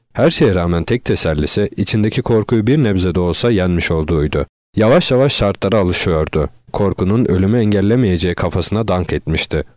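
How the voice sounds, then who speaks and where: A man narrating an audiobook in a steady, measured reading voice, close to the microphone. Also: low-pitched, dry recording.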